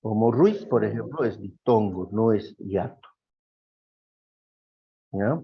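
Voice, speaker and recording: Slow, patient male teacher. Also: on the low side, expressive, breathy edge. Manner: slow, explanatory, checks with frequent questions. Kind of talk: classroom lecture. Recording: dull lo-fi recording.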